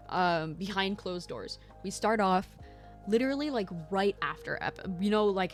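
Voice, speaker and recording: A young woman vlogging a casual episode recap, excitable and rambling, swearing freely. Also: medium pitch. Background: faint lo-fi background music.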